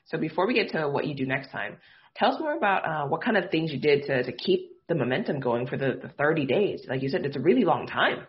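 A man's voice: fairly high pitch, lively intonation, fast talker. A man hosting a podcast, asking interview questions in an upbeat way, often saying "like" and "got it", on dull lo-fi remote audio. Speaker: podcast host.

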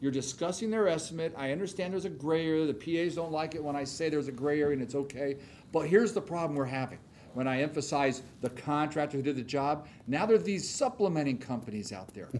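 Higher-voiced man, explaining steadily. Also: darkish tone, slight background noise. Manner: measured, explanatory, asks rhetorical "right?". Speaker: insurance attorney. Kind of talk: live panel debate.

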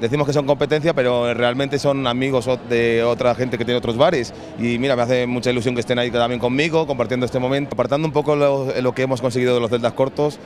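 Man, bar owner, chatty, quick, handheld mic in a bar. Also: mid-range voice, fairly even intonation. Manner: chatty, pleased. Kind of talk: casual interview answers. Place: crowded bar, indoors. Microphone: handheld mic held by interviewer.

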